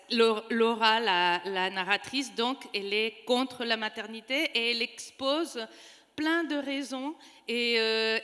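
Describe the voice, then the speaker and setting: A woman's voice: fairly high pitch, a bit bright, clean tone. A woman guest discussing a novel at a literary panel, building her explanations hesitantly in stops and starts. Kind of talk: spontaneous discussion of a novel before an audience. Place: hall at a literary festival. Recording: reverberant hall with long echo.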